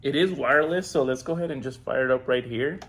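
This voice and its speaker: A man giving a relaxed, chatty product review at home, walking through features. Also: medium pitch, fast, crowd noise. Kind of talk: casual unboxing review.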